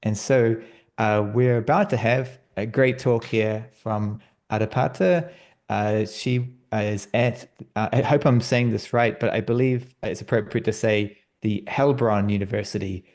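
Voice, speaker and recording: A man hosting an online research workshop on a video call, relaxed and friendly, with frequent fillers. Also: fairly low pitch, unhurried. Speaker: workshop host.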